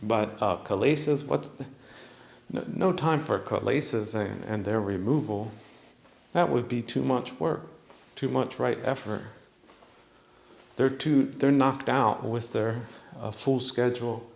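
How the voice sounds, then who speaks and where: A man delivers a scolding spiritual rant at a slow, deliberate pace, mocking his listeners and laughing at them. His voice rings out in a room with a noticeable echo. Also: medium pitch, vocal fry. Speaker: podcast host. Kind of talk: spiritual monologue.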